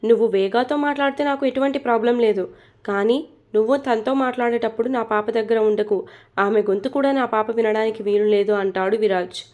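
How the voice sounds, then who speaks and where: A woman's voice: a little high, steady tone, fast talker, a little mellow, close to an everyday voice. A woman voicing a cold, stern young father in a storybook reading, sulky and firm.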